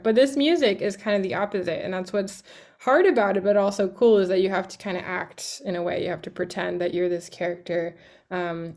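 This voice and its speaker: A woman's voice: on the low side, a little mellow. A woman coaching a young string player in a studio class. She talks in a chatty, encouraging way, sings out phrases to show what she wants, and fills her sentences with "like" and "um". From Canada. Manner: encouraging, chatty, many fillers and sung examples. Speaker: music teacher.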